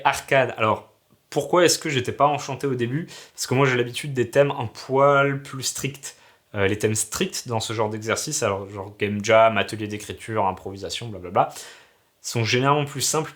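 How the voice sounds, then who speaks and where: A man's voice: medium pitch, a bit bright. A man from Alsace, sick with a sore throat and coughing, chatting in a slangy, self-mocking, rambling vlog about making a game. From Alsace, France. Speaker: hobby game developer vlogger. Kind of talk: casual vlog chat.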